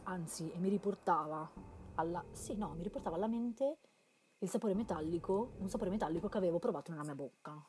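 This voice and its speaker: Italian woman, let's play host, reads and translates a horror game, lowish voice, faint hiss behind. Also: fairly quick. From Italy. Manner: reads narration softly then breaks into loud, playful commentary. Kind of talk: live game translation and reading with joking asides.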